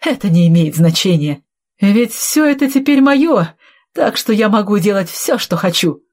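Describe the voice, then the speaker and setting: A woman reading aloud, voicing a greedy, cowardly man who poisoned his relative, in a blustering, shrill manner. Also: very animated, moderate pace. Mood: smug.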